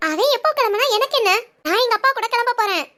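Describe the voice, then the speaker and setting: Performer doing a defiant young bride, very high squeaky cartoon voice, sharp curt retorts. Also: animated, fast, full character voice.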